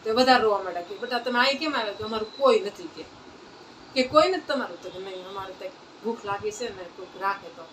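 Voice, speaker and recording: A woman's voice: medium pitch, expressive, fast, a bit bright. A woman telling a saint's life story at a satsang, in a plain folk manner that repeats phrases. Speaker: devotional storyteller. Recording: distant mic, faint ambient noise.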